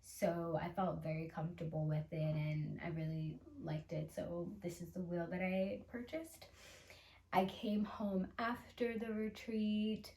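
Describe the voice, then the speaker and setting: A woman hosting a casual show-and-tell vlog, chatty and unhurried, with soft laughs and fillers. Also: on the low side, little pitch movement, echoey room. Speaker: channel host.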